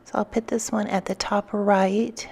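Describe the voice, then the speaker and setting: A woman with a noticeably creaky voice narrates a craft tutorial in a casual, chatty way. Her pitch is mid-range and stays fairly even. She explains each small step as she works. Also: unhurried. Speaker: craft vlogger and design team member.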